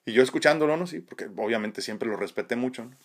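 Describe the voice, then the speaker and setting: A man's voice: medium pitch, animated, fast talker. A man hosting a live stream, reading viewer comments and talking reflectively about faith, with frequent tag questions and restarts. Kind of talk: casual spiritual live chat. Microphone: phone.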